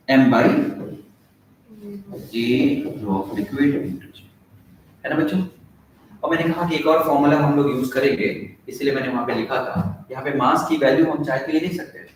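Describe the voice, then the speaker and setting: A man teaching physics in a classroom lecture, asking his students questions and dictating formulas slowly. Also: mid-range voice, a little hiss or hum. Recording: echoey room, heard from a distance.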